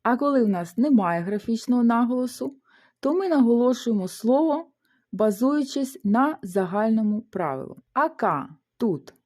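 A woman teaching a beginner language lesson, explaining rules step by step and sounding out syllables slowly. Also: on the high side, lively intonation, darkish tone. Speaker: Spanish teacher.

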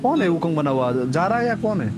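A man's voice: high voice, fairly quick, loud music behind the voice. A man streaming a team shooter, chatting with teammates and asking where enemies are. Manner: relaxed, asks teammates questions. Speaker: streamer leading the squad. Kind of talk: live gameplay chat.

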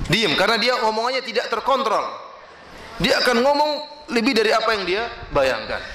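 A male preacher delivers an emphatic sermon, his pitch leaping up and dropping low as he quotes Arabic phrases. His voice is bright and fairly high. The recording is echoey, with faint noise behind him. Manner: emphatic, with wide swings in pitch and Arabic quotations. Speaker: Islamic preacher.

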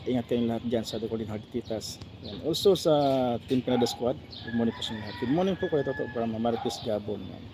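A man's voice: medium pitch, fast talker, background noise. A man with a Filipino accent hosting a casual live stream, reading viewer names and comments aloud with many fillers. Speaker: vlogger reading live chat.

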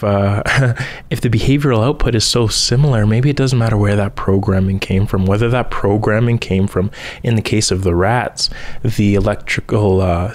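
A young man on a podcast talks through an idea on his own, in a somewhat low voice. His delivery is casual and unpolished, full of ums, repeated words and sentences that restart midway. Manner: thinks aloud with frequent ums and restarts. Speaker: podcast host. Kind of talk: casual solo podcast monologue.

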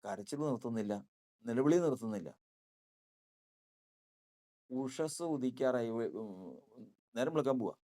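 A man's voice: medium pitch, unhurried, pauses often, dark tone. A man with a Malayali accent preaching a sermon, emphatic and repeating his key phrases.

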